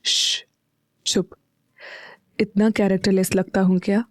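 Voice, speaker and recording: Audio-story casting: a woman playing a teasing, tender young husband, slow and soft. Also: level tone, no room sound, studio quality, natural voice. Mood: loving. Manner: soft, low, intimate murmuring.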